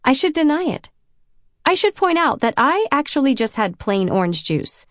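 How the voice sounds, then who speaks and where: A nervous teenage girl with a high, startled voice, voiced by an audiobook narrator. The reading is close and dry. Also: very animated, moderate pace, no echo. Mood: anxious. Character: teenage girl, anxious best friend.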